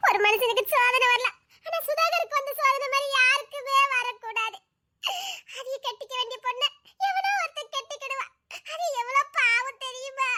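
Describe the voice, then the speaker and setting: A woman's voice: extremely high pitch, bright, forceful tone. A woman, playing two teasing girlfriends in a comedy skit with playful, melodramatic chatter. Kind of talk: village comedy skit dialogue.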